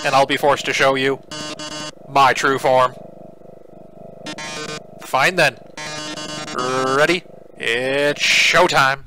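A man's voice: mid-range voice, close to an everyday voice, poor audio. A man voicing a showy male robot TV star, reading in a theatrical, showman-like robot voice.

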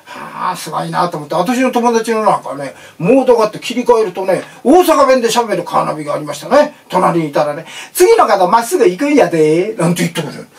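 A man's voice: high voice, animated, fast talker, creaky, hardly any pauses, far from the mic. A man performing a comic monologue on stage without an audience, chatty and playful with many asides. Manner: chatty, playful, lots of asides and voiced impressions. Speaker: rakugo storyteller. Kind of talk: comic monologue, then storytelling narration.

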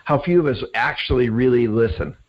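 A man's voice: medium pitch, brisk. A man hosting an interview, speaking reflectively and conversationally to his guest and listeners. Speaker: podcast host, interviewer. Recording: dull lo-fi podcast audio.

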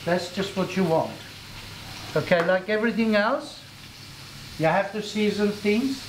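The host of a cooking show, a middle-aged man, explains what he's doing as he cooks in a commercial kitchen. His high voice moves at a measured pace over a noisy background, with echo and faint sizzling.

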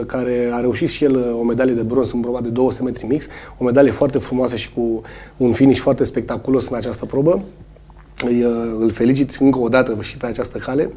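Hoarse coach, husky and mellow, hesitant delivery with frequent fillers. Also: male voice, mid-range voice. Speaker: swimming coach. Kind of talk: studio interview answers.

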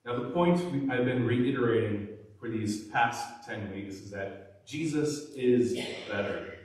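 A man in his thirties, a pastor with a stuffy nose, giving a measured, deliberate sermon from a pulpit in a large church. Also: medium pitch, darkish tone. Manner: measured, deliberate preaching with lists and emphasis. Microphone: far camera, pulpit. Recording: very echoey sanctuary, distant mic.

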